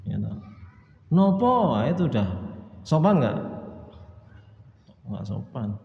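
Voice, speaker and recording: A man's voice: on the low side, animated, a little slow, gravelly. A male preacher, giving a religious lecture. He recites Arabic texts, explains them, and asks the audience questions he answers himself. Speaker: Islamic preacher. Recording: echoey hall, dull sound.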